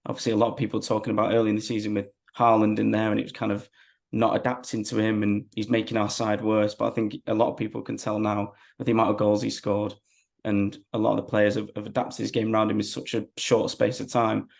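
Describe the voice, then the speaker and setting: A man's voice: on the low side, monotone, fast, vocal fry. A man, chatting casually as a football fan being interviewed.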